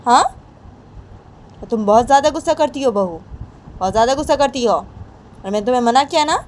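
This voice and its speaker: A woman's voice: on the high side, lively intonation, brisk, a little hiss or hum, pitched above the performer's own voice, natural voice, poor audio. A woman doing a stern scolding mother-in-law. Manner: repetitive, lecturing.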